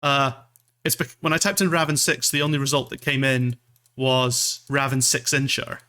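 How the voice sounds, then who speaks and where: Male VTuber from Scotland, bright voice, mid pitch, loose rambling livestream chat, self-deprecating, sweary. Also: fairly even intonation, moderate pace. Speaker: streamer, VTuber.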